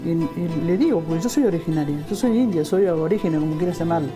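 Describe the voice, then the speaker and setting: A woman's voice: lowish voice, lively intonation, quick pace. Earnest woman speaking over guitar music. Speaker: interviewee. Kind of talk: testimony interview. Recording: music playing under the voice.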